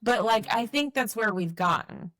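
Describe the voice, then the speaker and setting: A woman, co-hosting a podcast and telling stories in a lively, casual way, swearing freely. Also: on the high side, moderate pace, dry recording. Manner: animated storyteller, swears freely. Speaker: podcast co-host. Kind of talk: casual conversation.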